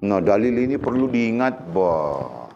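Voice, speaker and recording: A man's voice: medium pitch, normal speed, a little mellow, dull audio, slight background noise. A man teaching a religious lesson, sternly prodding his students to recite. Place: classroom.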